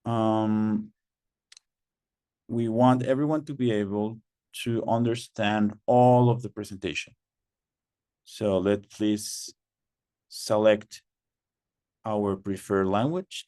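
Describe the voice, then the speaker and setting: Man, webinar host, unhurried, lowish voice, patient, repeats himself, video call. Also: mellow, no room sound, clean studio sound. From Mexico. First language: Spanish. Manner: patient, repeats instructions, many fillers. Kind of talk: online webinar moderation.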